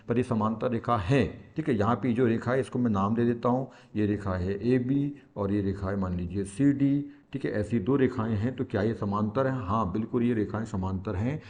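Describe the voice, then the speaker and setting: A man's voice: mid-range voice, a little mellow. A man teaching a maths lesson in Hindi-accented speech, explaining patiently and repeating key points with questions to the class. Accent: Hindi-speaking India.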